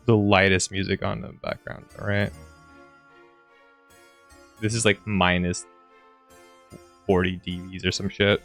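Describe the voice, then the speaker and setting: A man's voice: low voice, fairly bright tone. A young man casually commentating a game on a live stream, rambling, swearing and filling with "like". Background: faint game music.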